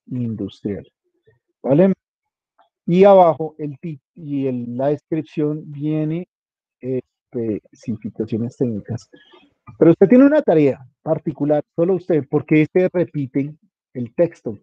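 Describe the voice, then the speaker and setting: A man's voice: mid-range voice, no echo, narrow, tinny audio. A man, coaching a student step by step in an informal, casual way and spelling out small details. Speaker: instructor. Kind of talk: guiding a student through a web page setup.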